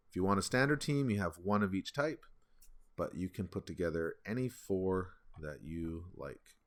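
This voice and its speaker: Low-voiced man rambling through an explainer. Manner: loose, rambling delivery with many fillers and restarts. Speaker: video host. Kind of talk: casual explainer walkthrough.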